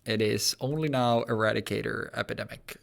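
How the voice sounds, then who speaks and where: Male, late 20s, gravelly and going hoarse. Casual, joking gaming host who rambles. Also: on the low side, fairly even intonation, a little fast. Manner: joking, rambling, laughs often. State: losing his voice.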